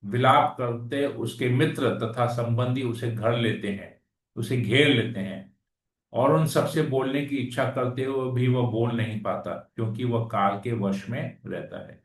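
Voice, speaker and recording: Heard from a distance in an echoey room, a man with a medium-pitched voice unhurriedly reads out verses in a Hindi scripture class. He follows each reading with a plain, chatty explanation.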